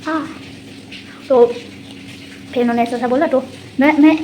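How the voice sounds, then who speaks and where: Young woman vlogger, high-ish voice, chatty and rambling, words a bit slurred from anesthesia, faint noise behind. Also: fairly even intonation, measured pace, a little mellow, poor audio. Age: young adult. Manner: chatty, rambling, exasperated asides. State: slightly slurred speech from dental anesthesia. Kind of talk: casual vlog chat. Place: hostel room.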